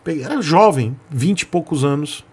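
A Brazilian man in his forties tells a story to his camera with a somewhat high voice. He leans hard on his points, repeats himself for emphasis and talks straight to his viewers, as a channel host would. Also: expressive, moderate pace, breathy edge. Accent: Brazilian Portuguese. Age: 40s.

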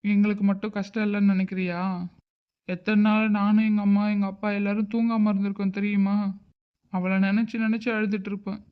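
A man voicing a hurt, stubborn uncle who scolds and grieves in an animated drama. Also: high-pitched, a little fast, clear, resonant tone, narrow, tinny audio, natural voice. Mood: grieving. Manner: reproachful, emotional. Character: hurt, stubborn middle-aged uncle, angry but grieving.

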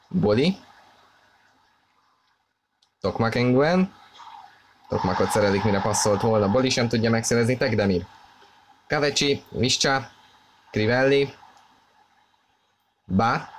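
A man giving excited play-by-play football commentary, often in terse bursts of player names. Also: mid-range voice, pauses often. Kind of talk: play-by-play football commentary over a video game match. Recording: clearly noisy, game stadium ambience behind. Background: video game stadium ambience.

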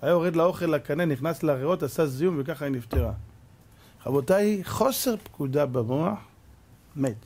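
A rabbi giving a sermon, telling stories with lively acted-out dialogue and pressing rhetorical questions at his listeners. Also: on the high side. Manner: animated storytelling, acts out dialogue, repeated rhetorical questions. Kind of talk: Torah lesson sermon.

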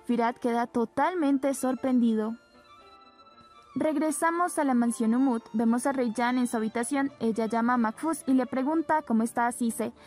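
A woman narrating a scripted recap of a soap opera plot in a steady storytelling manner, reading the characters' lines aloud. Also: fairly high pitch, normal speed, soft background music.

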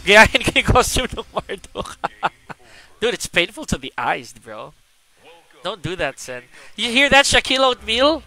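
Excitable man streaming games. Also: high-pitched, unhurried. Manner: excitable and chatty, greets viewers. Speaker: game streamer. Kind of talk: casual live-stream commentary.

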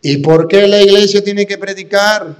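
Preaching priest in a reverberant hall. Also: male voice, sits high, moderate pace. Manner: teaching, asks the audience questions. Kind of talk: sermon. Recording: long reverb of a large hall.

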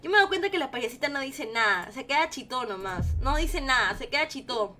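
A woman's voice: high voice, expressive, brisk, pushed and bright. A woman streaming live, reacting to viewer videos in an emotional, swearing, affectionate way. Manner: emotional, swears often, calls viewers "baby" and "king". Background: faint children's music.

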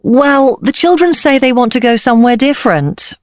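An actress playing an easygoing mother chatting in a scripted dialogue, friendly and clearly enunciated. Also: high voice, lively intonation, normal speed, dry recording, studio quality. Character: easygoing mother chatting about family holiday.

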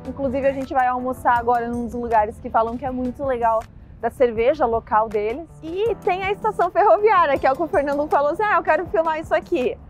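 A woman's voice: high-pitched, fast talker, faint music behind. A young adult Brazilian woman hosting a travel vlog, chatting casually and explaining things as she goes. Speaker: travel vlogger.

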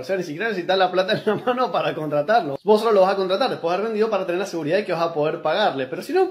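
A man in his thirties with a Rioplatense Spanish accent, giving blunt, emphatic business advice straight to a phone camera in a small room at home. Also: high-pitched. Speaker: business content creator. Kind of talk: direct-to-camera advice monologue. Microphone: phone camera held close.

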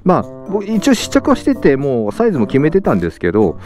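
A man's voice: on the high side, wildly swooping pitch, fast talker, darkish tone, soft background music. A young man vlogging about his motorcycle gear outdoors in a parking lot, talking from inside a full-face helmet and often stopping to correct himself. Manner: chatty, frequent fillers and self-corrections. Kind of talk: casual vlog talk. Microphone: helmet-mounted mic, speaking inside a full-face helmet.

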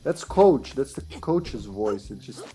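A man's voice: medium pitch, sing-song, takes it slowly, dark tone. A man in his thirties giving casual, rambling, joking and sweary commentary as he plays a video game. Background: faint game music.

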